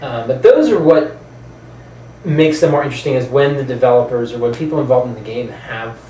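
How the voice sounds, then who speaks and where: A man hosts a video channel about films and games, chatting casually and rambling informally, sometimes trailing off. His mid-range voice is warm and brisk. The recording has roomy echo, a distant mic and faint noise.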